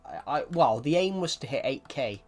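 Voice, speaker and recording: A young man from England with a Southwest English accent chats casually while streaming a game, rambling, restarting sentences and reading viewer messages aloud. His mid-range voice is animated and a little mellow at normal speed, with faint music and keyboard typing in the background.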